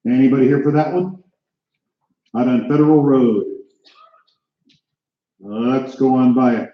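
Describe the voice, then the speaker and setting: Echoey American male auctioneer calling bids. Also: medium pitch. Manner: auctioneer's patter, clipped numbers and repeated calls to bidders. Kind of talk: live auction calling, rattling off climbing bid numbers. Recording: echoey room, slightly dull sound.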